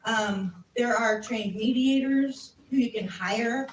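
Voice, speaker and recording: Slightly high-pitched and slow, the woman's voice answers audience questions at an informal community civics talk in a frank, chatty, self-deprecating manner. The echoey meeting room is captured from a distance with faint background noise.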